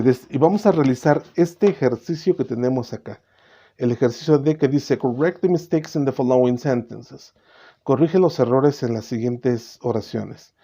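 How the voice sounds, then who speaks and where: A man teaching English grammar in a bilingual class, often checking in with "ok?" and slowing down to model English words. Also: mid-range voice, dark tone. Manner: switches between Spanish and English, checks in with "¿ok?". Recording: slightly dull recording with faint noise.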